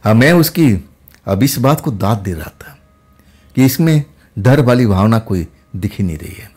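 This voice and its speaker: A man telling a first-person horror story in a steady, conversational way. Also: lowish voice, moderate pace, slightly rough.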